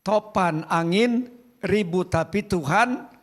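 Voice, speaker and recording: A male pastor preaching a sermon at a church service, speaking in short emphatic bursts that repeat phrases and pause between words. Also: sits high. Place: church service, live-streamed.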